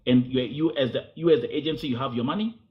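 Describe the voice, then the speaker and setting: A man's voice: medium pitch, quick pace, muffled recording. A man with a Kenyan accent interviewing a guest before a crowd, pressing hard and repeating himself when he wants the floor. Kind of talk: interview before a live audience.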